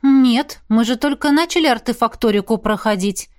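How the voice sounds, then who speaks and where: A woman's voice: on the high side, darkish tone, voice pushed up, natural voice. Miranda, a cheeky young witch, read by a woman. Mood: teasing, eager. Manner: cheeky, quick, teasing. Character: bold sharp-tongued young female magic student.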